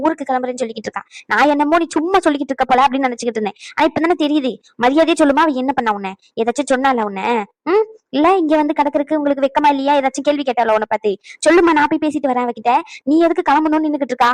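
A woman's voice: high voice, rapid-fire, no room sound, lightly acted. A woman voicing a middle-aged daughter in a cartoon, pleading and accusing in turn as she begs her mother not to leave. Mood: demanding. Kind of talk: cartoon voice acting.

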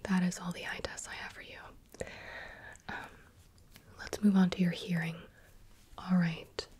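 A woman whispering softly and patiently as an examiner in an ASMR roleplay, close to the microphone. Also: lowish voice, little pitch movement, measured pace. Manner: soft unvoiced whispering, patient and coaxing. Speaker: roleplay examiner giving eye and hearing tests. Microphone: close mic, leaning near the ear.

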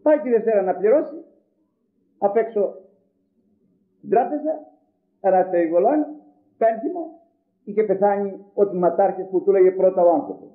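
A man's voice: high voice, long pauses. An older man from Greece preaching a sermon, telling a story and acting out its dialogue, then asking the congregation rhetorical questions. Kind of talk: sermon with told anecdotes. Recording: tinny lo-fi old tape recording.

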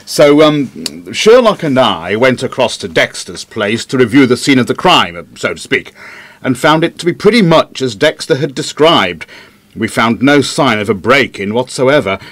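A man's voice: medium pitch, sing-song, normal speed, a bit bright, no echo. A man playing a dry-witted doctor, a detective's sidekick guesting on a podcast in an audio drama. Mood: wry, explanatory. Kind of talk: conversational audio drama acting.

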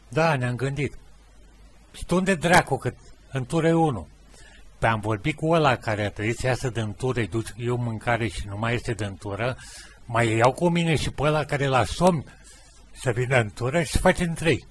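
A man's voice: mid-range voice, slightly rough. A middle-aged man with a Romanian accent telling rambling anecdotes in a casual monologue and acting out the dialogue. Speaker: podcast host.

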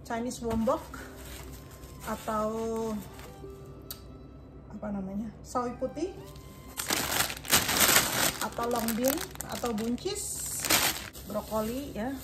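Woman, 30s, fairly high voice, chatty vlog, searching for words, home kitchen, phone camera, loud music behind. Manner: chatty, searching for words, mixing in English terms. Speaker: vlogger. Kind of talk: casual grocery unboxing vlog. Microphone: phone camera at arm's length. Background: loud background music and crinkling bags.

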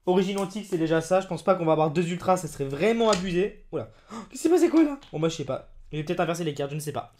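A man opening trading card packs on camera, excitable and exclamatory, chatting to his viewers as friends. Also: on the high side, very fast, few pauses, slight background noise.

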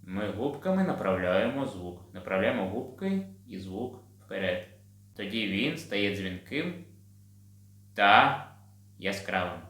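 Gentle, slow-talking choir teacher, a man. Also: lowish voice, lively intonation, slight background noise. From Ukraine. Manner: gentle, patient instructing. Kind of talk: video singing lesson for children. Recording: roomy sound with piano.

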